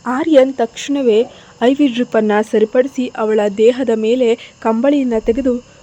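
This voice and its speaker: A woman's voice: on the high side, steady tone, measured pace, dark tone. A woman narrating a serialized dramatic story in an emotive way.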